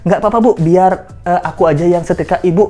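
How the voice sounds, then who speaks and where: A woman's voice: fairly low pitch, fast, warm tone, faint music behind, close to an everyday voice. A woman voicing a young male police aide who eagerly and politely insists on helping. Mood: eager pleading. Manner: pleading, over-polite insistence.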